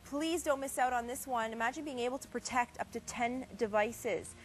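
A woman in her thirties giving a chatty, emphatic home shopping host sales pitch in a television studio. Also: normal speed, a little hiss or hum.

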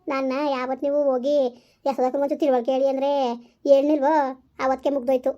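A woman plays a bitter village woman who fires back fast and high. Her replies are cutting and resentful. She is acting in a homemade village comedy skit. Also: little pitch movement, muffled recording, close to an everyday voice. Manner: sharp, resentful, rapid-fire retorts.

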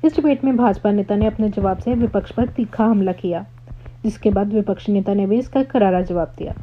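A woman's voice: medium pitch, a little fast, slight background noise. A woman narrating a news segment in a formal, scripted voice-over. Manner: even, formal read-out delivery. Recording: dull, muffled voice-over.

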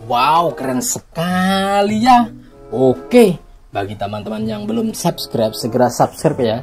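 A woman's voice: mid-range voice, big pitch swings, a little slow, creaky, over music. A woman hosting a children's toy reveal, talking in a playful, exclamatory way like a kids' party magician presenting surprises. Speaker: children's toy video host.

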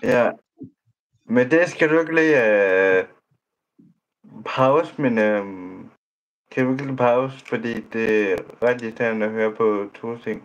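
A man's voice: medium pitch, pauses often, highs cut off. Blunt, stammering young man chatting online. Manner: blunt, teasing, trips over words and restarts. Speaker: vlogger chatting with strangers online. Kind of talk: casual chat.

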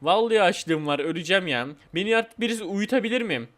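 High-voiced man doing playful game commentary. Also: lively intonation, fast, fairly bright tone. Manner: playful, whiny, says "abi" and "vallahi" often. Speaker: gaming channel host.

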